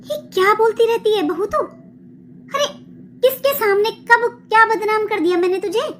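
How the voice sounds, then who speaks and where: A nagging, accusing mother-in-law from a cartoon, played by a voice actor. She scolds her daughter-in-law in a very high, thin voice, and faint noise sits behind her. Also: moderate pace, a bit bright. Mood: scolding. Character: scolding middle-aged mother-in-law, controlling and complaining. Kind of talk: cartoon dubbing.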